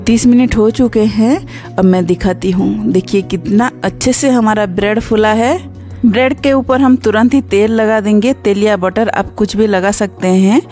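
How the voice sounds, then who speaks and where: A woman hosting a cooking channel, narrating a recipe step by step in a calm instructional voice-over. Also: medium pitch, moderate pace, soft background music.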